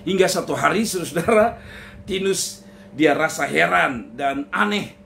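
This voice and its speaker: High-voiced pastor telling a funny story. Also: male voice, expressive, creaky, a bit bright, slight background noise. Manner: addresses listeners as "saudara", with drawn-out hesitations. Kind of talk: humorous sermon storytelling.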